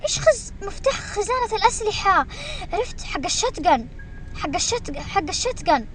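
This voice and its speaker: Excitable gamer girl, high voice, yelps a lot while she plays. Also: brisk, over music. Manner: excitable, shrieking when chased. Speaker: gaming streamer. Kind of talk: excited gameplay commentary.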